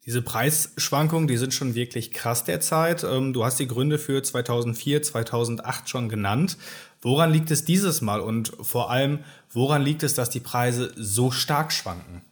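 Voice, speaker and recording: A man's voice: medium pitch, normal speed. A man hosting a podcast, giving friendly, scripted introductions and asking questions. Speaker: podcast host. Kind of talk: podcast interview.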